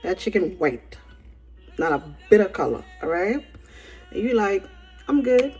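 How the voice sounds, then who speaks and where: A woman's voice: on the low side, measured pace, faint music behind, rough recording. A woman giving an informal sermon, telling colloquial stories emphatically and often checking in with tag questions. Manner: animated, colloquial storytelling with frequent "right?" tags.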